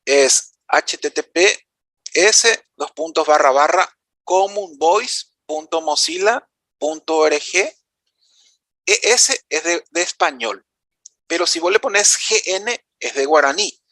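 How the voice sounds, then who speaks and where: A man's voice: a little high, expressive, slow pace, bright, forceful tone, no room sound. A man with a Paraguayan Spanish accent giving a conference presentation, explaining things step by step in an informal way that speaks straight to the audience. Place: conference room.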